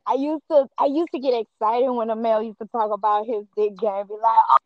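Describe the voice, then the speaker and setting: A woman's voice: fairly high pitch, steady tone, brisk, no echo. Frank laughing woman from Cincinnati. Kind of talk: casual profane chat. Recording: dry, slightly dull recording.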